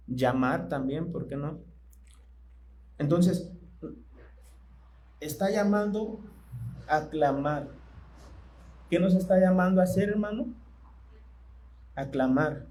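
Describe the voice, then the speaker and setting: A man preaching a sermon in church, speaking conversationally and asking his congregation questions that he pauses to let them answer. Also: a little high, warm tone, rough recording.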